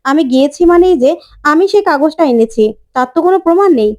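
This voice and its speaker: A woman's voice: high voice, lively intonation, quick pace, a little mellow, pitched above the performer's own voice. A woman voicing a scheming young wife who defensively denies the blame. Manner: defensive, pleading.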